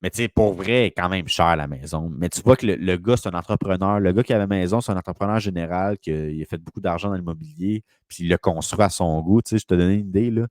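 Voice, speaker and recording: Man, Quebec French accent, very deep voice, dry sound, rambling anecdotal talk. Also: quick pace, few pauses, darkish tone, dry recording. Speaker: real estate broker. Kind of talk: casual conversation.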